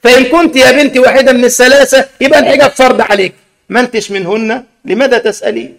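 A man's voice: very high voice, fairly even intonation, very fast, creaky, a bit bright. A man with an Egyptian Arabic accent preaching a sermon, emphatic and scolding with rhetorical questions.

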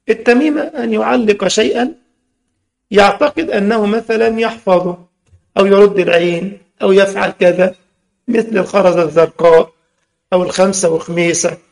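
Egyptian male religious teacher, gravelly voice, mixes formal and colloquial speech. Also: high voice. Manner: switches between formal Arabic and colloquial, quizzing listeners. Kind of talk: religious lesson.

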